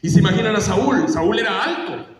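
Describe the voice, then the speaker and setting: A man's voice: high-pitched, animated, brisk, a crowd in the background. A man preaching a sermon, telling a story with animation and asking his congregation questions. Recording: echoey church hall, mic far off.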